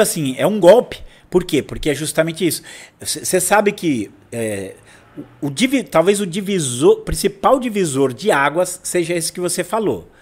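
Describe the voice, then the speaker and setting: A Brazilian man with a Brazilian Portuguese accent, teaching church history in a casual, animated way, acting out quotes and restarting often. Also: mid-range voice, slightly rough.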